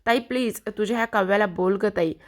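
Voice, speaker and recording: A woman's voice: mid-range voice, fast, lightly acted. Woman voicing a pleading young sister. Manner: pleading, insistent.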